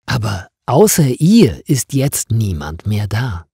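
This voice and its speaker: A man narrating a mystery story slowly and clearly, with lively intonation, for learners. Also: fairly low pitch, dry recording, studio quality. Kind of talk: slow scripted story narration for language learners.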